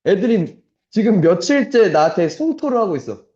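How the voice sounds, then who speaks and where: Young male math tutor, casual classroom lecture, blunt and profane, keeps checking understanding, lively up-and-down delivery, mellow tone, roomy dull recording. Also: high voice, normal speed.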